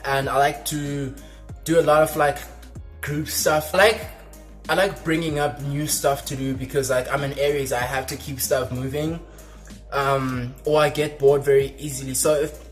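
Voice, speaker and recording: Young guy rambling on his vlog, talking with his mouth full, mid pitch, soft music behind. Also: little pitch movement, moderate pace. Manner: rambling, lots of fillers; talking while eating. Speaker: vlogger. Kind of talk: casual mukbang chat.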